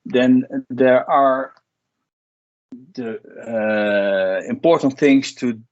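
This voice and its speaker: An export coach gives a plain-spoken online workshop talk, restarting often and using lots of fillers. His mid-range voice is extremely slow, with no room sound, and the video call audio comes through dull and lo-fi.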